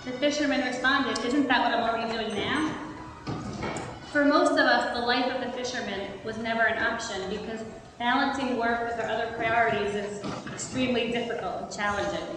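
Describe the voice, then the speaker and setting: A woman's voice: a little high, fairly quick. Woman speaking in an echoey hall. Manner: calm, steady, tells a story. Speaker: guest speaker. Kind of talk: talk to a seated audience. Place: large hall with an audience. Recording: echoey hall, mic from far off, noisy.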